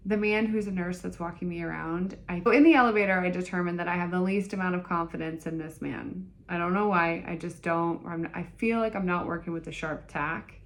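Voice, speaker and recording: A woman's voice: on the low side, fairly even intonation, fairly quick, hardly any pauses. A young woman vlogging, telling a story in a blunt, jokey way and acting out the dialogue. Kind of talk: casual storytelling vlog.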